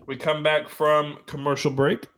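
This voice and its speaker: An excitable man calls the action of a wrestling video game play by play. His voice sits a little high, and he trips over fillers and corrects himself as he goes. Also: a little slow, low-quality recording. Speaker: commentator.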